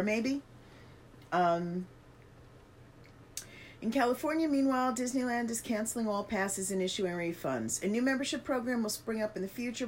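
A woman's voice: mid-range voice, darkish tone. A woman reads a news article aloud for a chatty podcast and stops often to add her own asides. She has the hiccups. A faint hiss of background noise sits under her voice. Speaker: podcast co-host reading news. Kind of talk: casual chat reading articles aloud.

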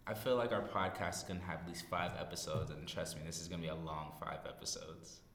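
Deep voiced 19 yr old guy joking around on a podcast, hallway echo, bit of noise. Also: fast, fairly bright tone. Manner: self-deprecating, joking. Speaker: podcast host. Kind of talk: casual unscripted chat. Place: small echoey library study room. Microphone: podcast microphone. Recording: echoey room, reverb, background noise.

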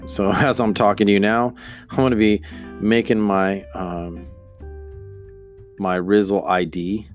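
Low-voiced man rambling casually on a podcast. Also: level tone, a little slow, pauses often, faint music behind. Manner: hesitant, meandering, thinking aloud. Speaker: podcast host.

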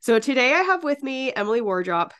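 A woman's voice: on the high side, sing-song, brisk, fairly bright tone, clear, resonant tone. A woman hosting a podcast, chatting in an upbeat, easygoing way while getting over a cold. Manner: upbeat, chatty, laughs easily. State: has a cold. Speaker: podcast host. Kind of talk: casual podcast chat.

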